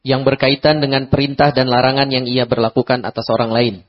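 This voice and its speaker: A man with an Indonesian accent reading a religious text aloud, flatly and with small stumbles. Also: mid-range voice, fairly quick. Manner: reads flatly, stumbles on words. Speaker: lecture text reader. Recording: dull lo-fi lecture recording.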